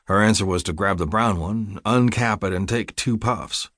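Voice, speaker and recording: Audiobook reader, male, lowish voice, dry close mic, steady gritty first-person storytelling. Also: moderate pace, dry recording. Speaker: audiobook narrator. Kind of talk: scripted first-person narration.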